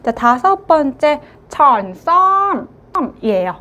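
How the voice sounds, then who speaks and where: A woman teacher giving a pronunciation lesson, slowly modeling sounds and stressing syllables. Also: high-pitched, expressive. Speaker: language teacher.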